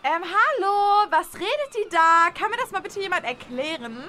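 A woman's voice: very high-pitched, lively intonation, moderate pace, pushed and bright, a little hiss or hum, exaggerated voice. A woman playing a whiny, spoiled young female contestant in an audio drama who mixes English words into her talk.

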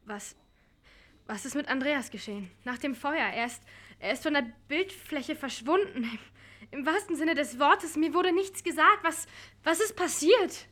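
A woman voicing a calm production staffer who talks in a quiet, soothing, steady way. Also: fairly high pitch, moderate pace, close to an everyday voice. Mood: alarmed.

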